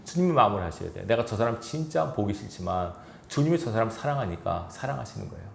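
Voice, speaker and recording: A man's voice: on the low side, lively intonation, fast talker, creaky, echoey room, a little hiss or hum. A man preaching a sermon as pastor of a church, earnest and exhorting, with chuckles and quoted asides. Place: church sanctuary.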